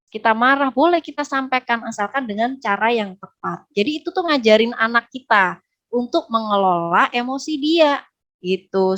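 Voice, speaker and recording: A woman giving a lively talk to parents in a webinar, often acting out how children and parents speak. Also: a little high. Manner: lively, acts out child and parent voices in quotes. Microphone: close mic, online webinar.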